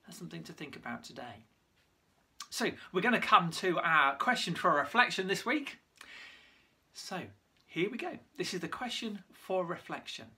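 A bright, sharp-edged voice tells a Bible story with lively energy. The speaker shows props along the way and now and then trips over a name and corrects it. It has the feel of an online worship talk. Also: medium pitch, normal speed. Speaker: church leader giving a children's Bible talk.

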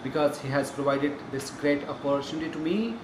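A middle-aged man, a teacher, giving a slow, polite thank-you speech to the camera while seated beside his students. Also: on the high side. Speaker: English and fitness teacher. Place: indoor room, seated on a sofa beside two kids. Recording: echoey room with air-conditioner hum.

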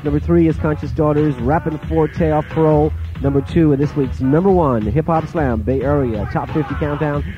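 A man hosting a hip hop countdown on a pirate radio broadcast, rattling off chart entries in quick, clipped fragments. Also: a little high, dull audio. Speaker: radio DJ and host. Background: music playing under the voice.

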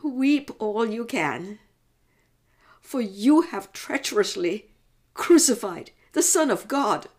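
A woman playing an anguished, devout middle-aged mother in a slow, emotive religious monologue, pleading as she grieves for her son. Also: on the high side, lively intonation, a little mellow. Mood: bewildered anguish.

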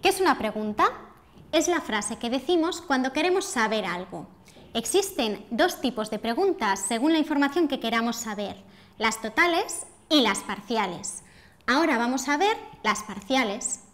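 A woman with a high voice leads a scripted pronunciation lesson for learners. She speaks clearly and deliberately, shaping each example to show how the melody rises and falls. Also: animated. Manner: clear, deliberate, demonstrative intonation. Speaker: pronunciation teacher.

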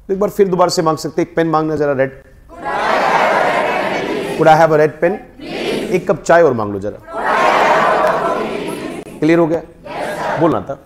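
A man with an Indian accent leads a spoken English class in a classroom. His voice sits slightly high, and he keeps prompting the students to repeat each word after him. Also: background noise. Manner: drills the class, prompting them to repeat words. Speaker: English teacher.

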